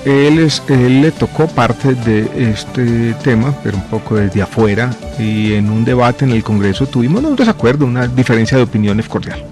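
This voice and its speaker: A man in his forties, a government minister, answering radio interview questions in a measured, reflective way with many pauses and fillers. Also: medium pitch, animated, darkish tone, soft background music. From born in Chile, raised in Colombia. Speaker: guest, health minister.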